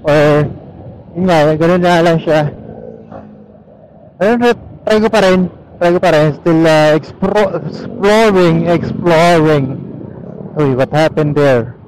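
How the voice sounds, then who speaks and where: Riding along, a motorcycle vlogger with a Filipino accent chats in relaxed Taglish, switching between languages as he rambles. His fairly high, slightly mellow voice moves slowly with frequent pauses. The audio is poor, captured on a helmet intercom or action camera mic with engine and road noise.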